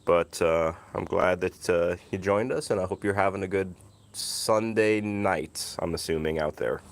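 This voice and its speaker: Speaking at a measured pace in a low voice, a man runs a relaxed phone live stream that moves from outdoors to indoors at home. He is easygoing and talkative, but a lingering cough makes his voice sound slightly off.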